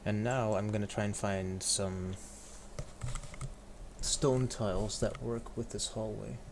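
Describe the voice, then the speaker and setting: Low-voiced man streaming a game over background noise. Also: steady tone, slow pace, creaky. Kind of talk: casual live gameplay commentary and chat.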